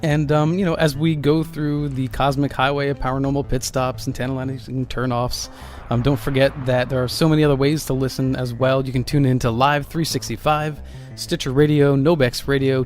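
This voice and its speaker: A man's voice: medium pitch, steady tone, normal speed, soft background music. A man hosting a paranormal radio show in a conversational, somewhat hesitant way.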